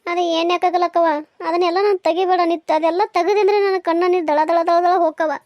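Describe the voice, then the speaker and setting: A plaintive young village wife, pregnant and missing her husband, voiced by a woman. She speaks high and quick, pleading. The sound is dry and close. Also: steady tone, no echo, dull audio. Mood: sulky. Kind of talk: cartoon voice acting.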